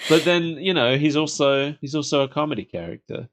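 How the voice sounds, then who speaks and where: A man's voice: on the high side, a little fast. A man co-hosting a podcast, chatting casually about cartoons like an enthusiastic fan. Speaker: podcast co-host. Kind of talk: casual chat reviewing cartoons.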